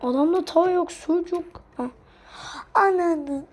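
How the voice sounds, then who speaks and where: A gaming streamer narrates her own play in an extremely high, unhurried voice with a slight hiss or hum. Her muttered asides give way to loud, cursing outbursts aimed at her teammates in frustration.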